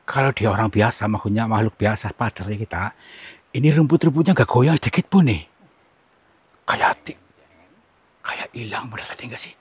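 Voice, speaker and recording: A husky, breathy man talks his way through a forest. He gives hushed commentary for a ghost-hunting vlog and keeps coaxing with soft, repeated soothing words. His voice sits at an everyday middle pitch. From Central Java, Indonesia. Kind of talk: hushed on-location exploration commentary. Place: outdoors in a forest.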